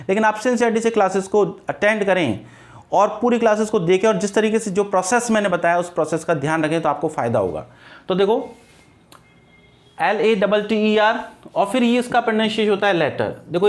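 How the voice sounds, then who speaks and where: High-pitched male grammar teacher with a Hindi-speaking Indian English accent, middle-aged, drills points by asking and answering his own questions. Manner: repeats key points as questions and answers them. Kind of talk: exam-prep lecture.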